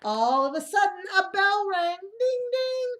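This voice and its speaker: With a very high-pitched voice and an unhurried pace, a woman reads a picture book expressively to young children. Along the way she offers asides and asks the listeners questions.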